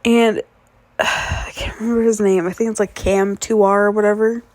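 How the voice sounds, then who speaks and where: A young woman in a whispered role-play, talking softly and sleepily as a loving fiancée. Her voice sits at an ordinary middle pitch and rambles along with loose, casual fillers. It is close to the mic and dry, with no room sound at all. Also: flat delivery, moderate pace, no room sound. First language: grew up speaking English and Spanish. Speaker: ASMR performer playing a fiancée.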